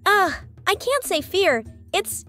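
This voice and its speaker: Brief: a woman playing a stammering, jittery cartoon emotion, very high voice that leaps around. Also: big pitch swings, slow, bright, forceful tone, soft background music, exaggerated voice. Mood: frantic. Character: frantic overworked female emotion Anxiety. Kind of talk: fan comic dub.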